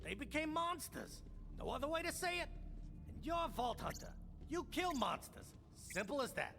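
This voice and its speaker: An actor playing a grizzled older explorer and remorseful father in a video game, with a gravelly folksy drawl. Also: extremely high pitch, very animated, moderate pace, pushed and bright, in a large hall, slight background noise, full character voice. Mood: regretful.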